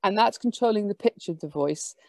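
Woman, academic lecture, mellow warm tone, lively explaining, dry close sound. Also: medium pitch, vocal fry, dry recording. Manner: lively, explanatory, quick asides.

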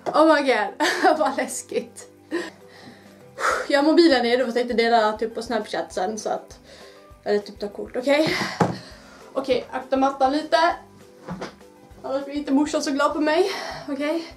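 A woman's voice: high-pitched, fairly even intonation, long pauses, darkish tone, soft background music. A young woman with a Swedish accent, chatting nervously and giggling through a casual challenge vlog, swearing freely, filmed on a camera mic at home and outdoors. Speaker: vlogger. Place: home, then outdoors by her car.

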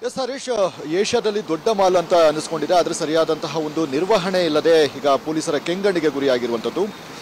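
A man reporting live outdoors beside a busy road, speaking haltingly with many fillers into a handheld mic. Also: a little high, a little hiss or hum. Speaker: field reporter. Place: roadside outdoors by a mall.

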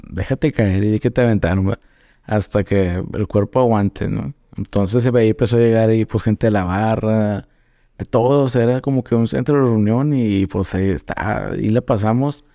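Gravelly laid-back man from northern Mexico. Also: fairly low pitch, normal speed, dry recording, clean studio sound. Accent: northern Mexican (Monterrey). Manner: relaxed slangy storytelling, laughs often. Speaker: podcast guest. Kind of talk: casual chat.

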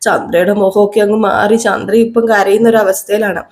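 A woman's voice: medium pitch, fairly even intonation, a little fast, a little mellow. A woman casually retelling a TV serial episode in a chatty way, acting out the characters' lines. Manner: chatty, often adds a tag like "you know" and acts out the dialogue. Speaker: serial review narrator.

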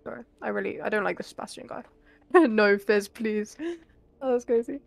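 A woman chatting with a streamer friend while they play a game together, loud and playful, with frequent exclamations. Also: mid-range voice, moderate pace, vocal fry, dry recording, soft background music. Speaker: co-player friend. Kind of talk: casual chat while gaming.

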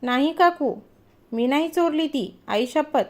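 Scared young guy begging for forgiveness, woman reading it, high-ish voice. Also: a little slow. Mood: pleading. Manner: pleading, fearful. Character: nervous young man, timid and pleading. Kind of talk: storytelling.

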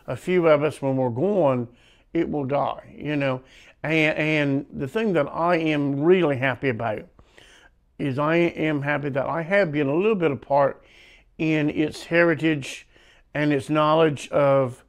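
A man's voice: fairly high pitch, measured pace. An older man with an Ocracoke brogue, reminiscing in an interview indoors. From Ocracoke Island, North Carolina. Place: small living room, indoors.

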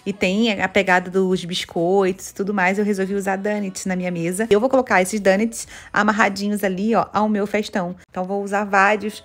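A woman's voice: medium pitch, little pitch movement, a little fast, few pauses. A Brazilian woman with a Brazilian Portuguese accent, chatting enthusiastically as she shows home decorations, gushing over each item. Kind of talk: casual chat. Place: home kitchen, indoors.

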